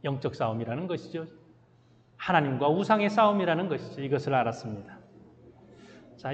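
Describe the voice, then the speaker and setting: A male pastor delivers a sermon with a fairly high voice and keeps asking his listeners questions. His words carry a long reverb from the church hall. The sound is a little dull and muffled. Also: darkish tone. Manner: asks the congregation rhetorical questions. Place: church sanctuary.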